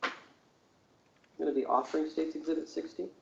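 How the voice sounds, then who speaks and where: A man working as an attorney, questioning a witness in court with halting, rephrased questions. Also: fairly high pitch, steady tone, vocal fry, darkish tone. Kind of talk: courtroom examination. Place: indoor courtroom. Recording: echoey, muffled courtroom audio.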